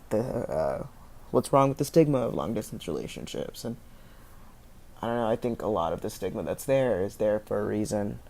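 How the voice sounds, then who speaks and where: A man answering interview questions in a hesitant, thoughtful way, with frequent pauses and fillers. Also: lowish voice, a little mellow.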